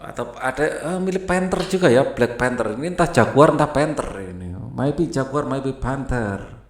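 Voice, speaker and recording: A man's voice: medium pitch, lively intonation, normal speed, reverberant, a little hiss or hum. A man teaching a primary school textbook lesson in a casual, chatty way, reading aloud and mixing in English words.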